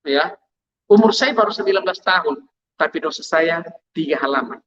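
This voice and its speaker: A man's voice: fairly high pitch, animated, moderate pace, fairly bright tone, muffled recording, slight background noise. A man telling his testimony to a congregation, storytelling vividly and acting out sounds. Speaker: testimony speaker.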